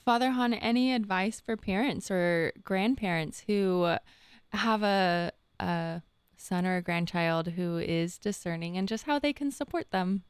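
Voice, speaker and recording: A woman's voice: medium pitch, unhurried, smooth, no echo. A woman co-hosting a radio conversation in a casual, conversational way. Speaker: radio co-host.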